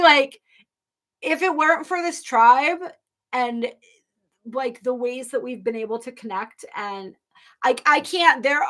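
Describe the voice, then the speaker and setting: A woman's voice: fairly high pitch, a bit bright. A woman hosting a live spiritual stream, talking casually and effusively to viewers, rambling with many restarts and at times near tears. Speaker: host of a live astrology and tarot stream.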